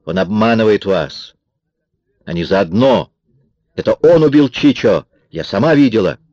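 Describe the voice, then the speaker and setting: A man voicing a desperate, fierce young woman holding a gun, raising his voice to a shrill, shouting pitch. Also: expressive, unhurried, no room sound. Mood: furious. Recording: dry, dull lo-fi recording.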